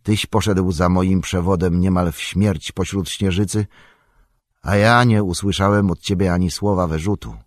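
A man voicing a sombre, haunted male ranger in an audiobook, speaking quietly and heavily. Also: sits low, fairly even intonation, moderate pace, no room sound, clean studio sound, close to an everyday voice. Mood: earnest. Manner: quiet, heavy. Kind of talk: audiobook character reading.

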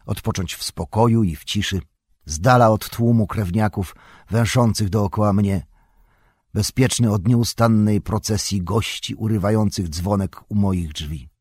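A man voicing an irritable, possessive old male hobbit in an audiobook, in a higher, agitated voice. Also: breathy edge, no room sound, studio quality. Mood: wistful. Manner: higher, louder, quick and agitated. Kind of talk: audiobook character voice.

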